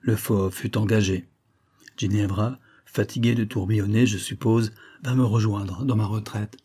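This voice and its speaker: Low husky guy reading a classic novel aloud, dark mellow tone. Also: fairly even intonation, normal speed. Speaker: audiobook narrator. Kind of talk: literary audiobook narration.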